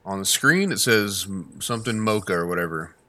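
A man co-hosting a podcast, chatting casually and telling stories with emphatic, animated rants. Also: on the low side, fairly quick. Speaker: podcast co-host. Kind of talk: casual chat.

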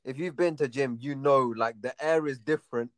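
A young man with a London roadman accent, chatting casually in a halting, slangy way and often circling back over phrases. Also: mid-range voice, no echo. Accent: London roadman, urban slang. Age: young adult. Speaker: podcast speaker. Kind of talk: casual chat.

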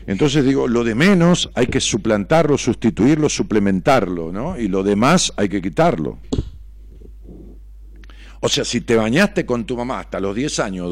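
Argentine male therapist-host, radio monologue, animated pitch, dry close sound, combative rhetorical questions, salty language. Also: dry recording. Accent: Argentine Spanish. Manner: heated, rhetorical questioning, swears freely.

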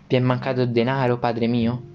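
A man's voice: mid-range voice, monotone, normal speed, dull audio, lightly acted. A man voicing an eager young sailor. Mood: anxious. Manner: earnest, pleading. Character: young male sailor, eager and devoted son.

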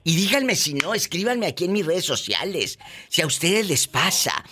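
A man's voice: high voice, very animated, normal speed, sharp tone, breathy edge, soft background music. A man with a Mexican accent hosting a call-in radio show, teasing and theatrical with his callers. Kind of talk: playful call-in radio banter.

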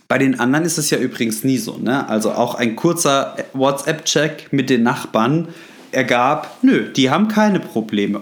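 A man hosting a solo podcast, speaking directly to the listener with advice, often pausing with fillers and restarting his sentences. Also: medium pitch. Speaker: podcast host.

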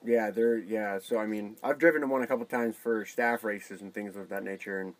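A man speaking as an interview guest in a casual chat, halting and repeating words as he goes. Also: lowish voice, fairly even intonation, no echo, low-quality recording.

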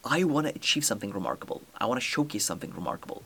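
A young Turkish man, a native speaker, hosts a solo podcast with a lowish, bright, forceful voice and some vocal fry. He races along, very animated, determined and earnest, full of fillers and restarts.

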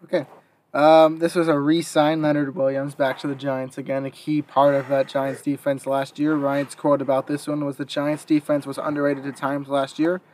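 A man's voice: fairly high pitch, flat delivery, moderate pace, darkish tone, a little hiss or hum. A young man hosting a casual sports talk, reading out quotes and then giving his opinion with some hesitation. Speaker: podcast host.

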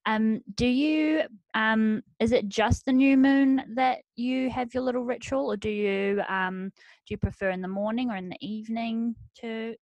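A woman's voice: fairly high pitch, fairly even intonation, moderate pace, darkish tone, no echo, muffled recording. A woman hosting a casual interview, chatty and giggly, often hesitating with "um". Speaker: podcast host.

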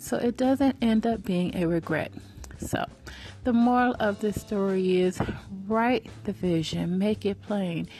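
A woman's voice: on the high side, mellow. A woman in her forties giving an earnest faith-based motivational talk, preacherly and repeating phrases for emphasis. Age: 40s.

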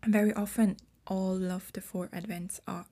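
A Swiss woman in her twenties hosts her own podcast, explaining things carefully and rephrasing her words as she goes. Her mid-range voice is dark in tone, delivered flatly at a moderate pace.

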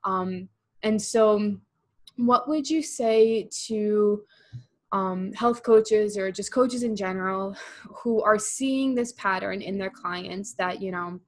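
A woman's voice: medium pitch, takes it slowly. A woman in her twenties hosting a podcast, chatting casually and filling her talk with "like". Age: 20s. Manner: chatty, many fillers like "like". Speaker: podcast host.

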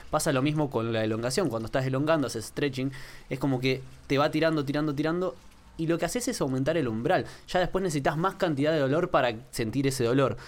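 A man with an Argentine accent, a podcast co-host who tells stories in casual conversation and swears freely. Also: fairly high pitch. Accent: Argentine Spanish. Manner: animated storyteller, swears casually.

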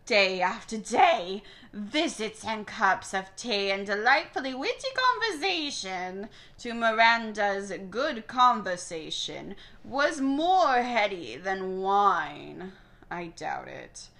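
A woman reads a romance novel aloud in a bright, clear voice that moves up and down a lot. She keeps stopping to make mocking little remarks about the text. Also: mid-range voice, very animated, takes it slowly. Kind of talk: reading a novel aloud with commentary.

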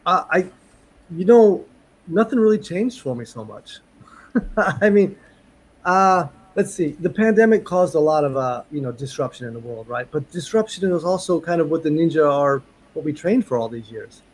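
Poor audio with clear ambient background noise carries this man's slightly high voice, lively in intonation and moderate in pace. Joining an interview remotely from Japan, the martial arts instructor chats casually and keeps repeating words to stress them.

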